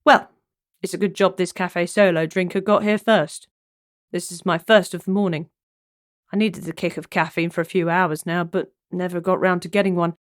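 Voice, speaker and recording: A woman's voice: lowish voice, fairly even intonation, normal speed, no echo, clean studio sound, lightly acted. A woman voicing an easygoing, flirtatious male police detective in a cozy mystery audiobook.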